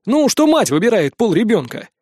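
A man's voice: sits high, big pitch swings, normal speed, a little mellow, no room sound, clean studio sound, voice pushed up. A man playing a brash, laid-back male friend who lectures bluntly in slang. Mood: lecturing.

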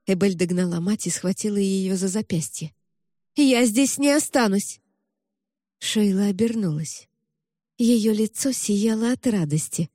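A woman narrating an audiobook in a measured, even reading voice. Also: medium pitch, dry recording, studio quality.

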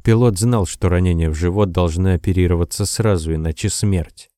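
A man narrates an audiobook in a steady, even storytelling voice. His tone is low and dark, and the recording is dry, with no room sound. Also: fairly quick, dry recording. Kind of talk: scripted narration.

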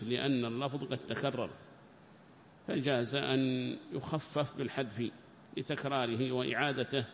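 A man explaining a scripture passage in a measured lesson, repeating his points for emphasis. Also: mid-range voice, big-room sound, slight background noise. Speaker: teacher of Quran commentary.

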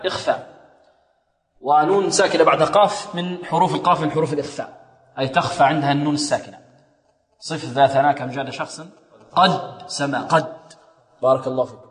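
A man teaching Quran recitation rules, quizzing his students and chanting verses slowly to show each rule. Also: a little high, fairly bright tone, roomy sound, long reverb tail. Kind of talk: tajweed lesson with sung recitation.

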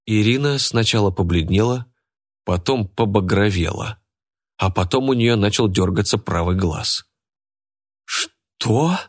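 A man narrating an audiobook in a steady, even reading voice. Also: lowish voice, normal speed, no room sound, studio quality.

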